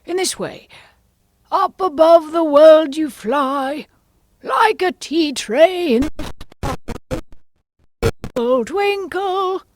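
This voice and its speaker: Lady doing a batty huffy hatter guy from a storybook, really high n swoopy, drags words out all theatrical. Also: sing-song. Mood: boastful, singing. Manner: emphatic, drawn-out, theatrical delivery. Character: eccentric, huffy male Hatter at mad tea party.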